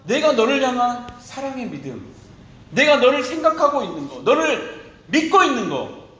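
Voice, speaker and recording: A man's voice: very high voice, big pitch swings, moderate pace, fairly bright tone, echoey room, poor audio. A man preaching a sermon as pastor, impassioned, shifting into tender quoted speech.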